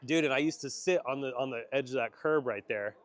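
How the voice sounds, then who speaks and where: A man's voice: medium pitch, fairly quick. A man hosting a casual theme park vlog outdoors at night, goofy and rambling. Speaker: vlog host.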